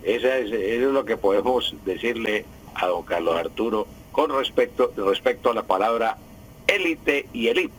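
A man's voice: fairly low pitch, normal speed, a little hiss or hum, low-quality recording. A man, a language expert on a radio show, explaining patiently, repeating key words and correcting himself.

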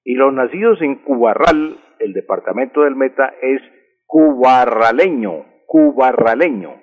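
Husky phone-line voice of a man. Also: mid-range voice, lively intonation. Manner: patient, explanatory, repeats key words slowly. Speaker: language expert answering listeners. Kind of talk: radio call-in language segment. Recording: husky voice over a tinny phone line with long reverb.

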